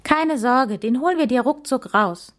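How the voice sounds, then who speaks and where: A woman's voice: mid-range voice, animated, moderate pace, darkish tone, natural voice. A woman voicing a brave, confident young boy in a children's story. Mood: cheerful. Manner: firm, confident.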